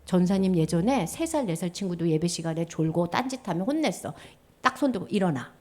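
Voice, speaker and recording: A woman preaching a children's sermon, telling a Bible story in an animated way, acting out the characters and sound effects. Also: lowish voice, fairly quick.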